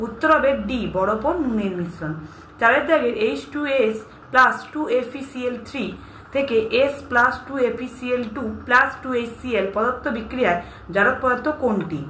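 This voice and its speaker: A woman teacher, reading exam questions and their answers aloud and steadily telling students what to learn. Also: a little high. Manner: steady, instructive, addresses students directly. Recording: echoey room with faint hiss.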